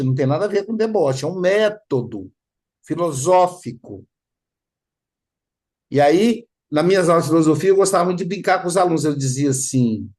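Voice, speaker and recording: Man, slightly high voice, animated study-group talk, acts out dialogues. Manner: animated, acts out dialogues, frequent tag questions. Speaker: spiritist study leader.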